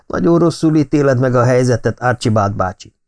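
A man's voice: mid-range voice, lively intonation, vocal fry, darkish tone, dry recording, studio quality. A man voicing a serious, suspicious young woman who insists on danger. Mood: insistent.

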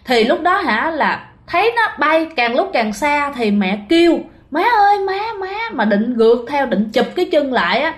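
A woman chats her way through a ghost story with few pauses, her high, animated voice at a normal speed. She frequently speaks right to her listeners as she narrates.

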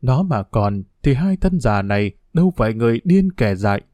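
Man reading as a forgiving old monk in a storybook, slow and solemn, dark-toned. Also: mid-range voice, very animated, dry recording, close to an everyday voice. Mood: anguished. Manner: slow, solemn preaching cadence. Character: grieving elderly monk, bereaved father, forgiving.

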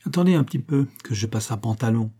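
Cheery young actor guy, man reading it, teasing, low warm husky tone. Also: expressive, quick pace. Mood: jovial. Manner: jovial and offhand.

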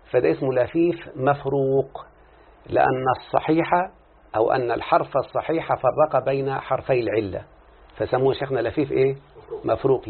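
A sheikh with an Egyptian Arabic accent and a slightly rough, mid-range male voice teaches Arabic morphology in a recorded lesson. He throws out questions to his students, answers them on his own, and alternates classical and colloquial speech. The sound is thin, lo-fi and phone-like.

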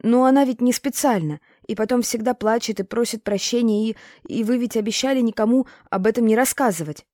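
A woman's voice: on the high side, brisk, hardly any pauses, dark tone, no echo, clean studio sound, pitched above the performer's own voice, natural voice. A woman voicing a stubborn, hurt young boy who talks earnestly and defensively in an audiobook. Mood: pleading.

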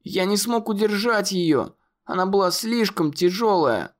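A man's voice: sits high, expressive, unhurried, voice pushed up. A man voicing a frightened young boy who pleads and cries out in an audiobook. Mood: desperate.

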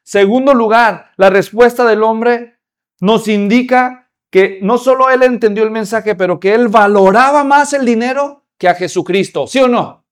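A man's voice: sits high, normal speed. A man preaching a sermon, often putting rhetorical questions to the congregation.

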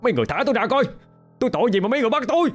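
A man voicing a desperate, violent middle-aged man in an audio ghost story, shouting in a strained voice. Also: very high-pitched, sing-song, racing, faint music behind, pitched above the performer's own voice, full character voice. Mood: indignant.

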